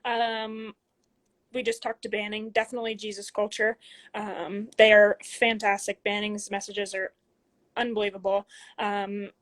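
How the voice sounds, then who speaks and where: The twenty-something athlete answers viewer questions on a live Q&A, speaking into a phone in a room at home. Her medium-pitched voice is level and unhurried, casual with many ums as she reads comments aloud, occasionally lowering into soft asides.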